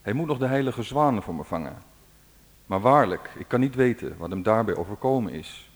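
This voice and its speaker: A man's voice: fairly low pitch, expressive, moderate pace, long reverb tail. A man reading out the lines of a demanding witch-queen of the north in an old folk tale, with a commanding, proud manner. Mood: imperious.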